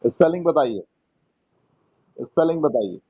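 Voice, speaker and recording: A man teaching an English lesson, quizzing students one by one in a patient, coaxing, gently teasing way. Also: on the high side, expressive, unhurried, slightly rough, dull audio. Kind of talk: online class quizzing students.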